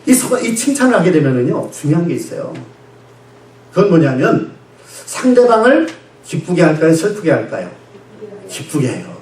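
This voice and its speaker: Male pastor preaching, super lively swoopy voice, asks the crowd stuff, echoey church from far off. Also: a little high, normal speed, pauses often. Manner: animated, calls and responds with the congregation, laughs. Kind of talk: sermon. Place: church sanctuary. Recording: echoey church sanctuary, distant mic.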